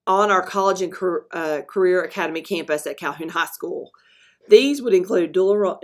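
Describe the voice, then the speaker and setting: A woman presenting a school program as voice-over narration for a screen recording, talking in a halting way with frequent ums and self-corrections. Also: on the low side. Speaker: school dual enrollment presenter.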